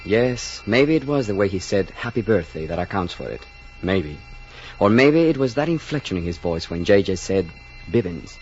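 A man narrating an old radio drama in a musing, measured way. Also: low-pitched, lively intonation. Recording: lo-fi old radio recording with music.

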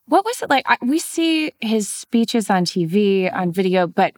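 A woman's voice: mid-range voice, very animated, measured pace, darkish tone, dry recording. A woman hosts a conversation and asks questions in an engaged, encouraging way. Her voice sits in a middle range. The sound is dry and close. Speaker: interviewer. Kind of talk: conversational interview.

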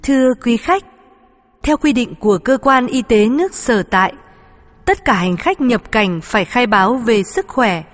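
A woman's voice: fairly high pitch, lively intonation, measured pace. A woman speaking as a flight attendant, reading formal, polite scripted in-flight announcements. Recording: long hall-like reverb.

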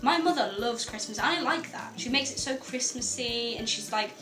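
A young Geordie woman co-hosting a student radio show, chatty and quick to giggle, her voice sitting a little high. The studio sounds roomy, with faint music underneath. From North East England. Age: young adult. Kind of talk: casual radio chat.

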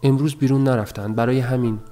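A man's voice: medium pitch, steady tone, dark tone, soft background music, natural voice. A man voicing a tired, nervous young housewife with a thin, dull voice who leaves sentences unfinished. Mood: weary.

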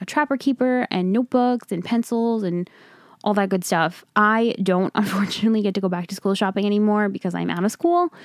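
Young woman, podcast host, rambling upbeat chat, smooth voice, dry close sound. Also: mid-range voice, darkish tone, no room sound. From Long Island, New York. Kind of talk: casual solo podcast chat. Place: home.

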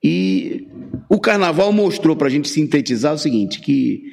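A man giving a political radio commentary, halting, with many fillers and restarts. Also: fairly high pitch, big pitch swings, creaky, darkish tone, long reverb tail.

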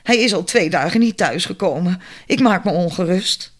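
A hoarse, scatterbrained woman of about forty, as a male audiobook reader puts her on, rambling plaintively about her troubles. Her voice is pitched very high above the reader's own and sounds scratchy. She talks in a fretful, wandering way. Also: moderate pace, a bit bright.

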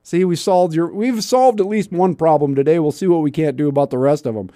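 A man's voice: a little high, fairly quick, dark tone, dry recording, clean studio sound. A man hosting a radio show in casual banter, wry and mock-grumbling, often asking rhetorical questions. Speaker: radio talk show host.

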